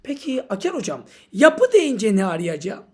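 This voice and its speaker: A woman's voice: medium pitch, very animated, moderate pace, a little mellow, slightly rough. A woman voicing a puzzled student who asks the teacher naive questions. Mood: asking.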